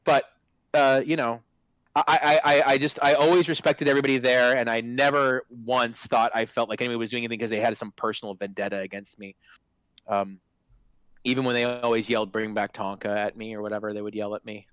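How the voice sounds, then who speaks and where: A man in his forties, a guest on a stream interview, chatting in an excitable, casual way with lots of restarts and swearing. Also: mid-range voice, a little fast, clear, resonant tone, no echo, poor audio. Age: 40s. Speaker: guest, former game product manager.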